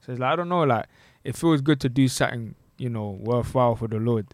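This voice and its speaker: A man's voice: medium pitch, fast talker, no echo, clean studio sound. A young man with a London roadman accent, chatting casually and slangily as a podcast co-host. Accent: London, multicultural urban slang. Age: young adult. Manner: London roadman-style slang, frequent tag questions. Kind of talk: casual chat.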